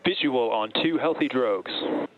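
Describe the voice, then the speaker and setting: A man's voice: medium pitch, measured pace. A man working as a mission control communicator, giving terse, clipped procedural callouts over a space radio link with beeps. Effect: space radio transmission with beeps. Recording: muffled radio feed.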